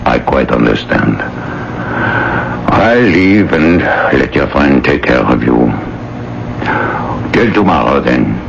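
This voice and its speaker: In a 1980s radio drama, a man plays a grave, courteous police officer delivering grim news in a very deep, gravelly voice with big pitch swings. The heavily acted performance is formal, deliberate, and politely apologetic, solemn and considerate in mood, heard through a dull, noisy old broadcast.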